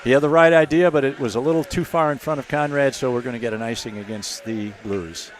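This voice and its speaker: A man giving hockey play-by-play commentary, keeping a steady call that jumps to shouts on shots and goals. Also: mid-range voice, quick pace, slight background noise. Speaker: play-by-play announcer.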